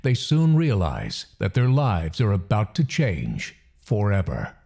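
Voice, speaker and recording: A man narrates a documentary in a measured, solemn way. His voice is dark and mellow, and his pitch moves a lot. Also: huge pitch swings, creaky, husky.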